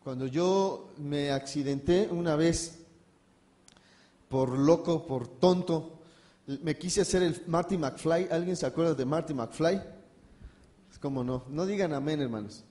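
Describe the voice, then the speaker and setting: Warm pastor telling stories. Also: male voice, a little high, slow. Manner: conversational storytelling, addresses the congregation directly. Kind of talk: sermon.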